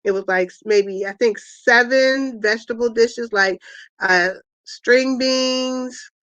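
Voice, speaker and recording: A woman's voice: a little high, takes it slowly, a bit bright, no room sound. A middle-aged woman hosting an online wellness chat, rambling casually with many fillers and restarts. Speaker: host of an online wellness party. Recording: dull, lo-fi sound.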